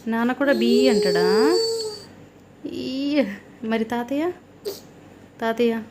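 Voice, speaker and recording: A woman's voice: a little high, slow pace, darkish tone, a little hiss or hum. A young mother, playfully coaxing and teasing her toddler at home at night in sing-song baby talk.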